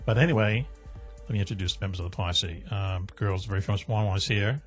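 A man's voice: lowish voice, fairly quick, soft background music. A man with a Boston accent hosting a radio talk show, rambling and joking with plenty of fillers.

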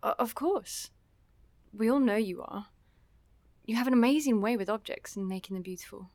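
An actress playing a weary young woman who sighs often and turns sharp when pushed. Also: on the high side, normal speed, dry recording, lightly acted. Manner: sighing and weary, turning sharp and frightened. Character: weary young woman trapped in a love triangle. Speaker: actor in an audio drama.

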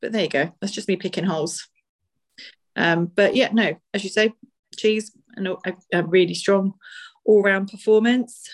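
Female co-host, mid-pitched, casual and hesitant sports chat. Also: normal speed. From Essex, England. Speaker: podcast co-host.

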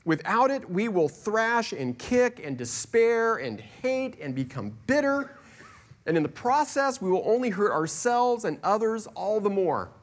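A pastor delivering a sermon in a church, earnest and deliberate, slowing down to stress key words and swinging between soft and loud. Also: male voice, sits high, very animated. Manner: earnest, with slow deliberate emphasis and swings in loudness. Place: church sanctuary.

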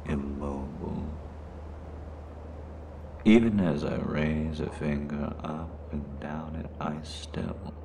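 A man voicing a cruel shapeshifting cave creature that taunts its captive in a slow, menacing whisper, in an audio roleplay. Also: a bass voice, noisy background, full character voice. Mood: sultry menace. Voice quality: gravelly.

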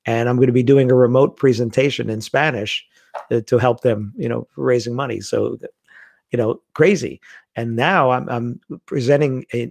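This guest, a middle-aged man with a medium-pitched voice and some vocal fry, is heard on a dry recording. He spins stories casually and performs each quoted line as he goes.

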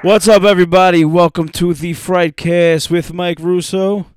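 A man's voice: high-pitched, level tone, moderate pace, slight background noise. A man hosting a podcast in a casual, informal chat style. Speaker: podcast host.

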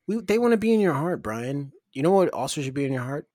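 A man's voice: fairly high pitch, sing-song, quick pace, warm tone, dry recording, clean studio sound. A man co-hosting a podcast, joking and mock-exasperated as he riffs through a comedic ad read and banter. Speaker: podcast co-host reading a sponsor ad.

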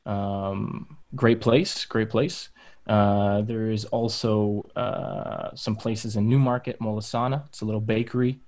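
A man's voice: lowish voice, fairly even intonation, unhurried, darkish tone. A man chatting casually on a podcast, in a loose, rambling way full of "um" and "you know". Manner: loose, filler-heavy. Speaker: podcast guest. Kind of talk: casual chat.

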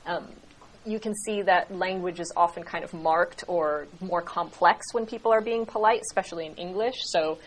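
Woman, interview guest, explanatory, fluent, slightly low voice. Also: moderate pace, slight background noise, low-quality recording. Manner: fluent, explaining, laughs easily. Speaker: guest expert on interaction and politeness.

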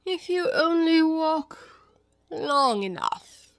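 Languid, drawling Cheshire Cat. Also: female voice, very high-pitched, animated, no room sound, studio quality, pitched above the performer's own voice, full character voice. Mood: languid, teasing. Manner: slow, drawn-out, matter-of-fact riddling. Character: languid, grinning, good-natured mad cat.

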